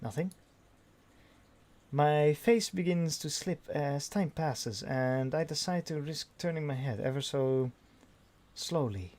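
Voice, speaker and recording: A man's voice: on the high side, takes it slowly, darkish tone. A man reading a visual novel aloud in first person, with dry delivery and frequent restarts. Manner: dry narration with restarts and sighs.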